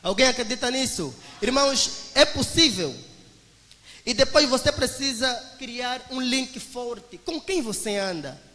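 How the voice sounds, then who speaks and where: Addressing the congregation as brothers, a twenty-something man with an Angolan Portuguese accent delivers a forceful, sermon-style testimony of encouragement. In a large hall, his very high voice sounds expressive, pushed and bright, and he takes his time.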